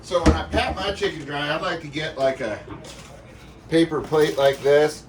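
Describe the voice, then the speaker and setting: Speaking at a moderate pace in a voice on the high side, this man demonstrates a recipe as a home cook. His cook-along is folksy and playful, sprinkled with exclamations and sound words, captured by a distant mic over faint background noise.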